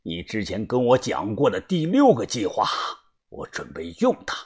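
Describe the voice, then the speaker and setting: Man voicing a hoarse 74-year-old man, grief-worn, resigned, low subdued voice, husky. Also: wildly swooping pitch, normal speed, darkish tone, full character voice. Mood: weary.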